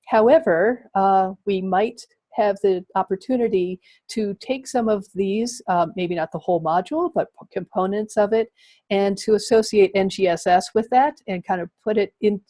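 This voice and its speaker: A woman's voice: mid-range voice, mellow, no echo. A woman presenting slides in an education webinar, explaining with frequent ums and uhs.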